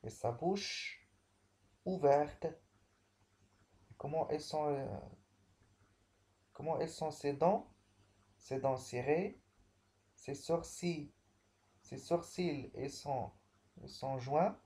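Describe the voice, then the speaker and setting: A man teaching a remote language lesson, explaining slowly and repeating himself, with frequent restarts. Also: fairly high pitch, mellow. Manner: slow, repetitive explaining with many restarts. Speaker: French teacher.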